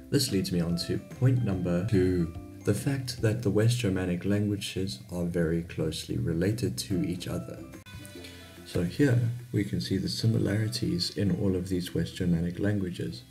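A man in his twenties speaks in a low, gravelly, mellow voice with a South African accent. He's a YouTube host in a small home bedroom, chatting informally to camera in an explainer about languages.

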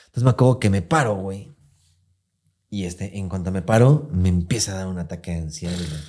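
A man's voice: deep voice, a little fast, slight background noise. A man with a Mexican Spanish accent, a podcast co-host telling a personal story in casual, swearing, slang-filled chat, acting out what people said. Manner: swearing, slangy, animated retelling with acted quotes.

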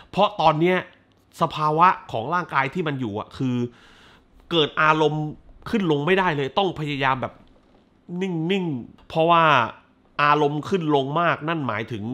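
A man's voice: fairly high pitch, pushed and bright. A man hosting a casual film review chat, blunt and full of crude slang and swearing, hammering points with repeated words. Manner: emphatic repetitions.

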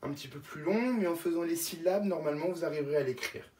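A woman teacher dictates simple words to young children in a low voice, spelling each one slowly letter by letter. She sits back from the microphone in a room with an echo. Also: darkish tone, slight background noise. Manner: slow, spells words letter by letter and repeats them. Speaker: first-grade teacher. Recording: echoey room, voice from a distance.

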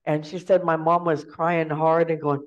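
A woman's voice: sits low, level tone, moderate pace. Chatty woman telling family stories. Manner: chatty and informal, laughs often. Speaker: storyteller and guest speaker. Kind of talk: casual storytelling presentation. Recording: dull lo-fi recording.

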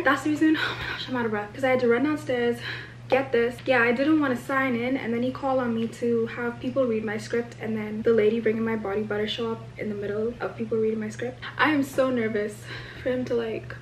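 A woman's voice: a little high, slight background noise. A young woman, a college student, chatting animatedly to the camera in a casual vlog from home. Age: young adult.

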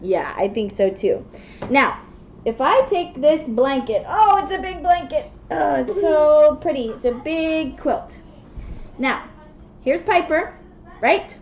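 In a small indoor classroom, a mother in her thirties who presents children's read-alouds shares a picture book with a small child, explaining it in simple language and often checking in with questions. Her voice sits high and is somewhat dark, with lively intonation and a slow pace. The webcam audio is muffled, echoey and noisy.

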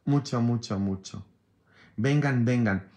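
A priest with a sore throat chats casually with his followers, mixing jokes with advice and sometimes sounding exasperated. He speaks slowly in a warm, mid-range voice.

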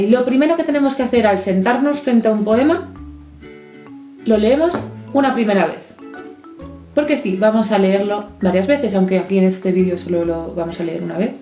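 A woman from Spain giving a lively, chatty poetry lesson with playful asides. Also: medium pitch. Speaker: literature teacher. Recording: echoey room, soft guitar music.

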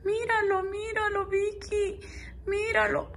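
A woman's voice: very high voice, little pitch movement, takes it slowly, fairly bright tone. A woman host chatting affectionately with her pet parrot in coaxing, teasing baby talk, often laughing. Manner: sing-song baby talk. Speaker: parrot owner and channel host.

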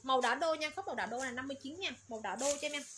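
Woman selling clothes on a live stream, high voice, nonstop repetitive sales patter, noisy background. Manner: rapid repetitive patter, rattling off colors, sizes and prices. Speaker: online clothing seller. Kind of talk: livestream sales pitch.

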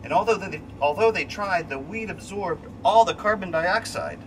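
This middle-aged man reads a rhyming storybook for children in a high voice at a moderate pace, putting expression into it while sometimes stumbling and rereading. The setting is a small, cramped window module on a space station, and the distant mic picks up a loud, steady hum like ventilation or air conditioning.

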